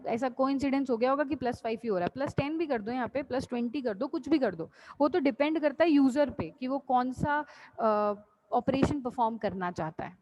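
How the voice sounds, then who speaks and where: A woman's voice: on the high side, darkish tone. A woman lecturer teaching an online class, patiently repeating each point in simple terms and addressing students fondly. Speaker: college lecturer. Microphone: computer mic on video call. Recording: dull lo-fi online call audio.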